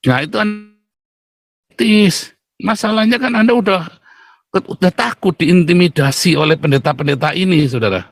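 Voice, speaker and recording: A middle-aged man, preaching a fiery sermon in a blunt, mocking, booming way. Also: unhurried, pauses often, no room sound. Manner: blunt, mocking, booming, addresses listeners as "saudara".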